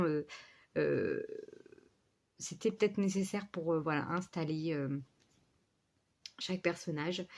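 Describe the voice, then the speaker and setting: A woman's voice: lowish voice, a little mellow. A woman chatting casually to her book vlog in a rambling, scatterbrained way, with a slight lisp on her words. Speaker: book vlogger.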